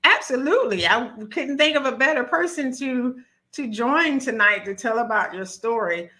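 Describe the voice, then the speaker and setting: A woman's voice: on the high side, normal speed, bright, forceful tone. A woman nurse practitioner hosting a live stream, nervous and talkative, with frequent ums and restarts.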